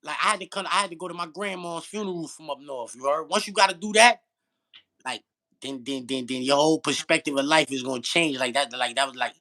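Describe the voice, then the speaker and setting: Talking fast in a fairly high voice, this middle-aged storyteller uses crude street slang, full of emphasis. He's lively and swears freely, saying things over again to drive them home.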